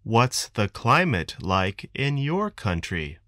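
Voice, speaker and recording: Man, american accent, slow clear reading, expressive pitch, dry close recording. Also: no room sound. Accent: General American. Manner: clear, deliberate enunciation for learners. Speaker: textbook dialogue reader. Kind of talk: slow scripted textbook reading.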